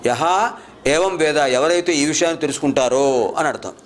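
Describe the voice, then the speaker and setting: A man giving a spiritual discourse, chanting verses slowly and then explaining each one quickly. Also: a little high, a little hiss or hum. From India. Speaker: spiritual lecturer.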